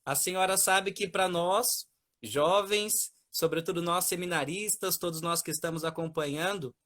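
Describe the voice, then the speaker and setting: A man's voice: sits high, normal speed, fairly bright tone. A man, a seminarian interviewer greeting his guest in an earnest, effusive way. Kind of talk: formal welcoming interview intro.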